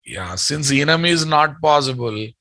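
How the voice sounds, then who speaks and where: A man's voice: on the high side, animated, a little slow, bright, forceful tone, no echo. A man with a Telugu Indian accent teaching programming live, speaking emphatically, repeating his statements and quizzing his students.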